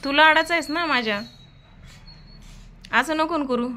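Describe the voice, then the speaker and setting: A woman's voice: high voice, measured pace, pushed and bright. A woman in her thirties from Maharashtra with a Marathwada Marathi accent, talking casually and affectionately to her child at home for a vlog. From Maharashtra, India. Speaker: vlogger mother. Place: family home. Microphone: phone camera.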